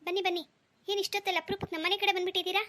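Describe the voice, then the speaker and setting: A woman voicing a gentle young stepmother in a cartoon, talking in an earnest, pleading way. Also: extremely high pitch, level tone, racing, a little hiss or hum. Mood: firm. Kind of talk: cartoon dialogue.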